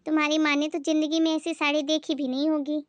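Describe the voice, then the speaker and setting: A spoiled, snobbish young sister-in-law who drawls her taunts, as a woman acts her out. The voice is high and close, with a dry recording and no room sound. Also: little pitch movement, fast talker, no room sound, natural voice. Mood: mocking.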